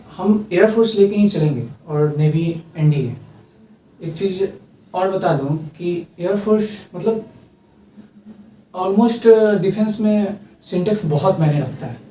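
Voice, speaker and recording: A young man teaching English grammar as a tutor, repeating terms slowly and stressing how they are pronounced. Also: fairly high pitch, mellow, a little hiss or hum. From India. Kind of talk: classroom lesson at a board. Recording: echoey room, distant mic, faint crickets.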